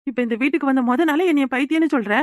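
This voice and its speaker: A young village wife from Kanyakumari, played by a woman, talking quickly and insistently in a high voice. The cartoon voice is close and dry, with no room around it. Her manner is pressing. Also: no echo, close to an everyday voice. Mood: indignant. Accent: Kanyakumari Tamil. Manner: rapid, insistent, pleading. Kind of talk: cartoon voice acting.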